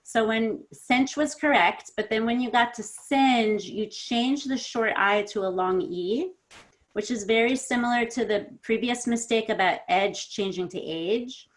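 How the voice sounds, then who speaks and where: A woman coaching pronunciation in an online lesson, correcting students and modelling sounds slowly and encouragingly. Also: on the high side. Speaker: accent coach.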